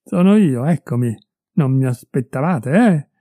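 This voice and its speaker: A furious, betrayed middle-aged husband, put on by a male reader hurls accusations at his wife and her lover. His voice climbs with anger over a very dark, mellow base. The storybook recording is dry and close. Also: fairly high pitch, animated, unhurried, no room sound. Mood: furious, accusing. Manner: raised, heated and accusing.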